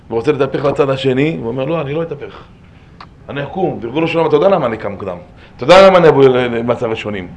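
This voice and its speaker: Impassioned rabbi swinging hushed to loud. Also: male voice, mid-range voice. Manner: repeats words for emphasis. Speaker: rabbi giving a Torah lesson. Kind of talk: impassioned religious lesson.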